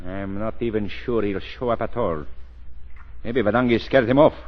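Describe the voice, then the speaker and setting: An actor playing a tough, cocky gangster with hard-boiled, slangy talk in 1930s radio drama style. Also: male voice, lowish voice, moderate pace, natural voice. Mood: offhand. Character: tough, cocky male gangster with Tommy gun. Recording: muffled 1930s radio recording.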